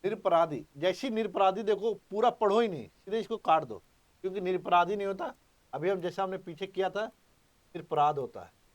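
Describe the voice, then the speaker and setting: High-voiced man teaching grammar emphatically. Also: moderate pace. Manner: emphatic, repeats key points, quizzes students. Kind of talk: exam-prep grammar lesson.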